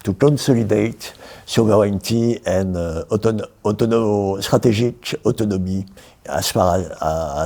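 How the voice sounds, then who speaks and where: A man, a payments executive answering interview questions haltingly, with many fillers and restarts as he works through a list of points. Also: low voice, creaky, darkish tone. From France. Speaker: payments industry executive, guest. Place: event studio.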